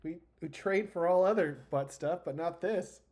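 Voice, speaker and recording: A man's voice: a little high, normal speed, a little mellow. A man chatting casually as a player in a tabletop roleplaying game.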